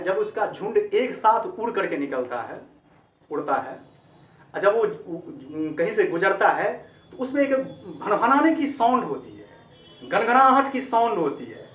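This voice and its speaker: A man's voice: high voice, big pitch swings, unhurried, fairly bright tone. A man teaching English pronunciation in a lesson, repeating each sound several times and calling the viewers friends. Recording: echoey, distant, dull lo-fi sound.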